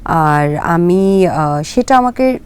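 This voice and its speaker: A young woman from Kolkata with a Kolkata Bengali accent, answering interview questions hesitantly, with drawn-out fillers and English words dropped in. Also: fairly low pitch, lively intonation, darkish tone, smooth. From Kolkata, India. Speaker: actress guest.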